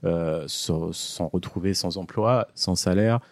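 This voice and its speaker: A man with a low voice tells a history story on a casual podcast at a measured pace, in a dry recording. He jokes along the way and trails off with frequent hesitations.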